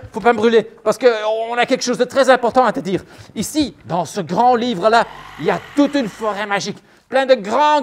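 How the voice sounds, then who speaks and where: A woman playing a brave, excitable little girl knight-errant in a theatrical children's storytime, animated and exclamatory. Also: mid-range voice, close to an everyday voice. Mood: excited. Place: live storytime stage.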